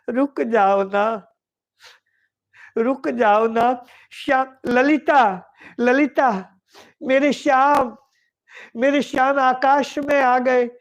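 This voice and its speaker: A man's voice: extremely high pitch, dull audio, exaggerated voice. A male preacher voicing a lovesick young divine woman who begs her beloved to stay, repeating her pleas tearfully. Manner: tearful, repeats pleading words over and over. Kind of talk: devotional storytelling.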